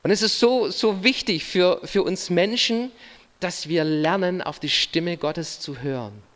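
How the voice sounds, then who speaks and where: A man's voice: high voice, a little slow, fairly bright tone. A man in his thirties, a pastor preaching a sermon earnestly, speaking straight to the listener in short phrases. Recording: long reverb of a large hall.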